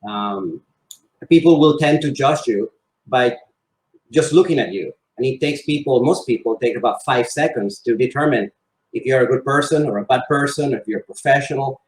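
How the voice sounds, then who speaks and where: Speaking at a normal pace in a mid-range voice, a Spanish-speaking man from Venezuela and Spain gives conversational answers as an interview guest. He works in real estate sales and is recorded in a roomy space with an echoing sound.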